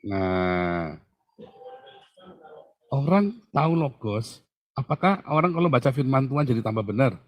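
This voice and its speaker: A man's voice: mid-range voice, animated, measured pace, pauses often, no room sound, highs cut off. A male pastor answering a Bible question, teaching through emphatic questions he puts to his listener.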